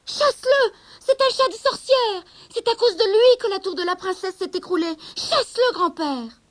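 A woman voicing a young servant girl in a storybook, high-pitched and pleading. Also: animated, moderate pace. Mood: panicked.

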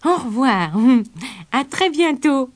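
A woman's voice: high voice, very animated, slow pace, no echo, exaggerated voice. A woman voicing a cheerful, absent-minded old male professor in a children's storybook reading, with an eager, exclaiming manner.

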